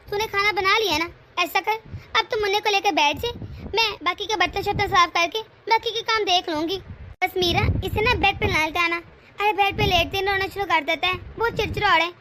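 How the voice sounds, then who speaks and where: A woman's voice: extremely high pitch, sharp tone, slight background noise. A woman voicing a patient, dutiful elder daughter-in-law in a cartoon family drama, soothing and accommodating.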